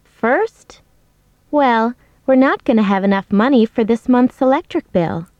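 Woman doing a young roommate in a course dialogue, lively up and down voice, dry dull audio. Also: on the high side, unhurried, dry recording. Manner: expressive, clear scripted delivery. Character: young woman roommate explaining unpaid bills. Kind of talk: scripted dialogue for a language course.

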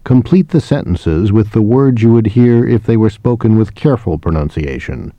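Guy reading course instructions, kinda low voice, bouncy intonation, dry dull recording. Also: expressive, dark tone, no room sound. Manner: slow, measured reading of instructions. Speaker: course narrator. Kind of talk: scripted instructional narration.

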